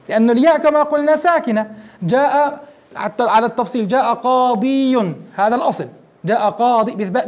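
A man teaching Arabic grammar in a very high voice, moving at a brisk clip. He walks his class through each rule step by step and keeps turning to them with questions.

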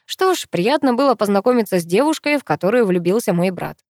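A woman reading an audiobook, voicing a calm young man who speaks in a soothing, practical way. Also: medium pitch, fast talker, dry recording, studio quality, natural voice. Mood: reassuring.

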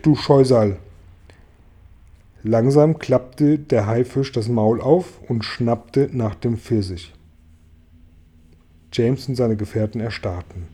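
Mann mit weicher, dunkler Erzählstimme. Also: male voice, mid-range voice, dark tone, husky. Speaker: audiobook reader. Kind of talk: storybook read-aloud.

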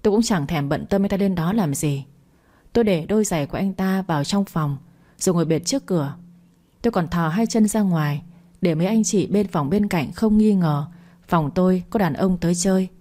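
A woman narrating a first-person story at a steady, even storytelling pace. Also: on the low side, brisk.

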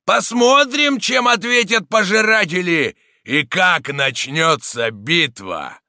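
A man's voice: high-pitched, lively intonation, slow pace, sharp tone, no echo, studio quality, pitched above the performer's own voice, heavily acted. A man voicing a huge, brutal male stonebreaker who leads a mob, bellowing his commands in a thundering voice. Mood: roaring.

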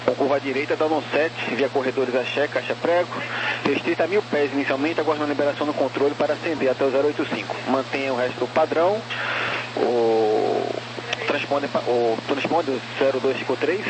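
A man's voice: mid-range voice, brisk. A Brazilian man working as a tower air traffic controller, speaking in clipped procedural phrases over crackly, military-style aviation radio. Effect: aviation radio transmission. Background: radio static and noise.

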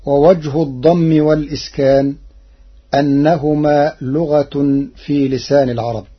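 A man giving a formal radio lesson on Quran reading, measured and deliberate, drawing out the words he quotes. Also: a little high, steady tone, husky. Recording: dull lo-fi old radio broadcast.

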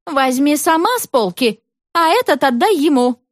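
A shrill, scolding mother in a shop, as a woman narrator puts her on. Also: expressive, normal speed, no room sound, studio quality. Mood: demanding. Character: indignant, pushy middle-aged woman shopper.

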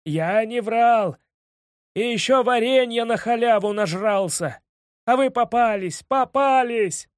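A man voicing Koshchei, a gleeful old sorcerer villain in an audiobook, loud, theatrical and mocking, with a cackling laugh. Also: high-pitched, moderate pace, no room sound, clean studio sound, voice pushed up, natural voice. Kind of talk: audiobook character voice.

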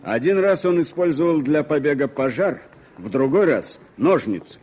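A man playing a shrewd, self-assured police detective in an old radio play, with brisk, clipped delivery. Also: on the high side, animated, a little mellow, slightly rough. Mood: brisk, commanding. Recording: dull, band-limited old radio recording.

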